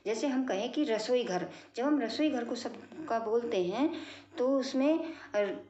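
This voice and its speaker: A woman's voice: on the high side, darkish tone. Woman teacher, patient, repeats points for pupils; dull, roomy recording. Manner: explains slowly with repetition and questions to pupils. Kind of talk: classroom grammar lesson. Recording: echoey room, dull lo-fi sound.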